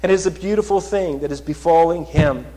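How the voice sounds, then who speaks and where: A man preaching a sermon, moving from hushed, soft storytelling to loud, rising proclamation. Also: a little high, a little fast. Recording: long reverb of a large hall.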